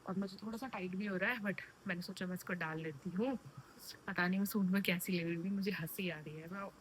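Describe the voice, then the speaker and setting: A woman's voice: on the low side, steady tone, brisk, a little hiss or hum. A young woman from the hills chatting casually to her viewers in a vlog, tired and talking like a friend. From Uttarakhand hills. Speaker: vlogger. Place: home, then outdoors in Delhi traffic.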